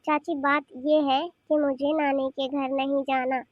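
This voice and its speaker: A woman's voice: sits high, flat delivery, measured pace, no echo, dull audio. A woman voicing a cheeky, stubborn teenage granddaughter in a cartoon who argues back. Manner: talking back, whiny and argumentative. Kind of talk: cartoon voice acting.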